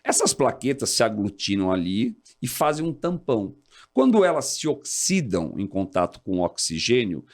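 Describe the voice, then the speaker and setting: A man in his forties, a fire department officer, talking as an interview guest in an animated, explanatory way. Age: 40s. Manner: animated, explanatory, jumps high when quoting others. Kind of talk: casual interview talk.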